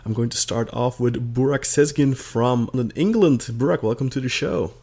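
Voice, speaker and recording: A man's voice: mid-range voice, moderate pace, a little mellow, slightly rough. A man of thirty from Belgium, hosting a football podcast in an upbeat, organized way. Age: 30s. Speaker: podcast host. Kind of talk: casual chat.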